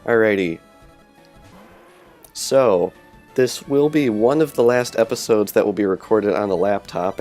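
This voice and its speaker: A let's play commentator with a lowish, dark voice talks casually over his gameplay. He's chatty, rambling and correcting himself as he goes, and the lo-fi recording comes through a cheap earbud headset mic with game music behind him.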